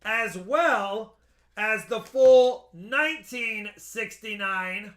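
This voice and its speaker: High-voiced, bright man hosting a live sale. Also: very slow. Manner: repeats details for buyers. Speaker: host selling coins by live auction. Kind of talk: casual live-stream sales pitch.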